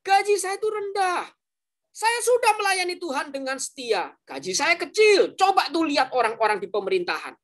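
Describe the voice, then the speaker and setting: A man preacher acting out an angry young man who complains indignantly in a raised voice about his low pay. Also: sing-song, normal speed, fairly bright tone, full character voice.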